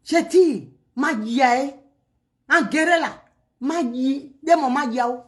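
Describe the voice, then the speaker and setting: High-pitched woman, heated mocking vlog rant with sharp loud-to-quiet swings. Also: takes it slowly. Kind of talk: heated direct-to-camera rant.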